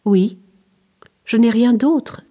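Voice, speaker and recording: A woman's voice: fairly high pitch, slow pace, warm tone. A woman voicing a poor beggar woman with a baby in a storybook reading, speaking in a pleading way.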